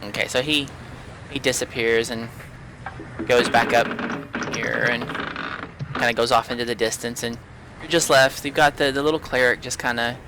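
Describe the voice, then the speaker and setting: A man's voice: mid-range voice, fairly even intonation. A man narrating as game master in a tabletop pirate game, often restarting and repeating words. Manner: halting, repeats words while describing. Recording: noisy home recording.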